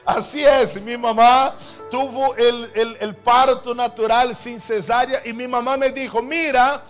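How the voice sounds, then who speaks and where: A pastor preaching a sermon, asking repeated rhetorical questions and slowing down to stress key phrases. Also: male voice, very high voice, steady tone, faint music behind.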